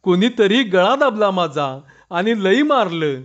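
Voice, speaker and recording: A man's voice: high voice, sing-song, a little slow. A man voicing a frightened adult village washerman who wails and yelps in pain, on a dull lo-fi recording. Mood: pleading. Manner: panicky, wailing, yelping in pain.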